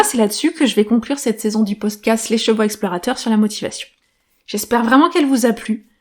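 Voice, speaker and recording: A woman's voice: on the high side, darkish tone. Chatty woman hosting a podcast. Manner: casual, thinking aloud with many fillers like "bah". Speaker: podcast host. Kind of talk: solo podcast talk.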